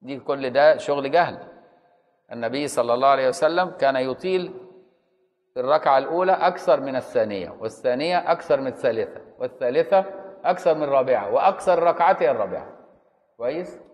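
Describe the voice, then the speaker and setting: A man's voice: mid-range voice, expressive, quick pace, in a large hall. A man with an Egyptian accent teaching Islamic jurisprudence in a conversational lecture, often stopping to ask the students if they follow. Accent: Egyptian Arabic.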